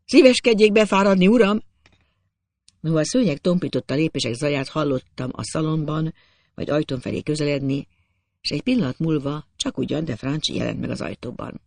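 Gravelly man narrating an audiobook. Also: fairly high pitch, dry recording. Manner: expressive storytelling, dramatic shifts.

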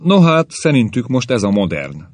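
A man's voice: medium pitch, sing-song, a little mellow, no echo, pitched above the performer's own voice, close to an everyday voice. A man voicing a grumbling old caveman grandfather who rants and complains about the young, in a story reading. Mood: ranting. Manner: querulous ranting.

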